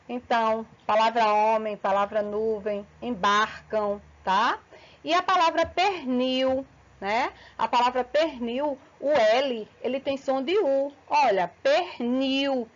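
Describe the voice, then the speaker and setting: A woman's voice: fairly high pitch, dull audio. A woman teacher giving an online grammar lesson, explaining step by step and often checking in with short tag questions. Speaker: Portuguese teacher.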